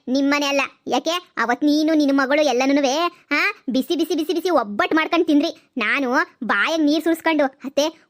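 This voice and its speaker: A woman's voice: high-pitched, natural voice. A woman voicing a defiant young daughter-in-law who scolds and taunts her in-laws in a cartoon comedy.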